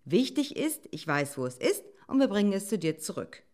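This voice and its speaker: Woman voicing a fox, eager, brisk, quick-witted, urgent, raised pitch. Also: sing-song, darkish tone, close to an everyday voice. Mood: reassuring.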